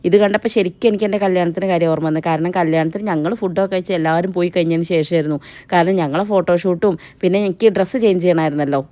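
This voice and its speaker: A woman's voice: fairly low pitch, fairly even intonation, rapid-fire, mellow, no echo. A young woman, narrating a family wedding vlog in a chatty, teasing voice-over that speaks straight to viewers. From Kerala. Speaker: family vlogger. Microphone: voice-over mic.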